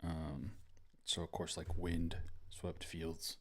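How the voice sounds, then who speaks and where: A man's voice: sits low, flat delivery, takes it slowly, fairly bright tone, slightly rough. A young man from rural Illinois streaming a game, chatting casually with his viewers while he plays. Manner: chatty, talks to chat while playing. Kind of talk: casual gameplay commentary.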